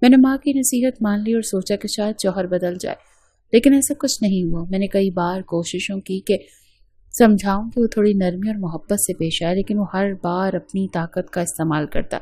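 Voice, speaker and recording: A woman telling a scripted story in the first person, in a steady and even way. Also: mid-range voice, no room sound.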